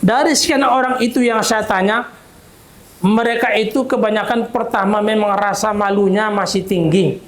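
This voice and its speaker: A man preaching to a gathering, telling a story in a calm, measured way. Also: echoey room. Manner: calm, measured, quotes voices in a lower tone. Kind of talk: sermon with storytelling.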